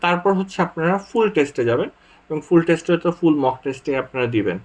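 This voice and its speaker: A man's voice: on the high side, animated, fast talker. A young man with a Bangladeshi Bengali accent tutoring exam preparation, patiently walking through worked examples and repeating key points. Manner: patient, repetitive, walks through examples step by step. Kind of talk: screen-share tutorial explanation.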